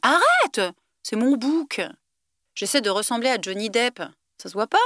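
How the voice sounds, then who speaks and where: A woman narrator doing a teenage boy who jokes and gets teased. He bursts out in excited exclamations. The reading is close and dry. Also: medium pitch, fast talker, no room sound, lightly acted.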